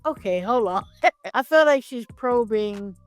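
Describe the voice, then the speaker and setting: A woman's voice: fairly high pitch, animated, a little slow, no echo, faint music behind. A woman co-hosting a casual film discussion, reflective as she talks through her reasoning. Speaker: film review co-host.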